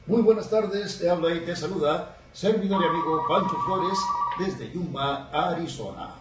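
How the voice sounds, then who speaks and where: A man's voice: a little high, normal speed, dull audio. Man hosting an echoey radio broadcast. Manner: cheerful on-air greetings, reads phone numbers. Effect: broadcast radio sound. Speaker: radio host. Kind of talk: radio DJ announcing. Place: radio studio. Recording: echoey distant radio air-check with loud music.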